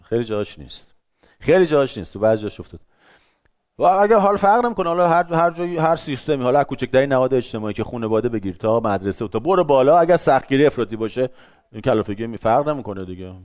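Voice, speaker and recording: A middle-aged man giving a lively talk to an audience, acting out short everyday dialogues in shifting voices. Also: mid-range voice, no room sound. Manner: acts out little dialogues in changing voices.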